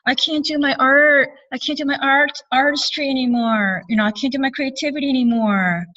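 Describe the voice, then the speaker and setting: A woman's voice: sits high, brisk, pushed and bright, voice pushed up. A woman voicing a distraught young woman who pleads in a raised voice. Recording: distant, dull lo-fi sound.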